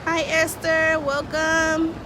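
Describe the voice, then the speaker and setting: A woman's voice: very high-pitched, completely flat delivery, slow, noisy background. A woman in her thirties hosting a casual live stream from outdoors, chatty and greeting viewers by name, laughing often. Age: 30s. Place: outdoors watching a ship depart.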